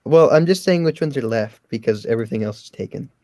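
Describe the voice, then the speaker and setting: A man's voice: medium pitch, lively intonation, quick pace, dark tone, no echo. A man in a casual group chat, handing out roles in a direct, organizing way. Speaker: casting organizer.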